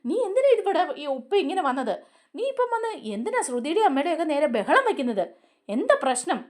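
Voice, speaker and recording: A worried older sister from a TV serial presses with anxious questions, voiced by a woman narrator. The voice is high and animated. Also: quick pace.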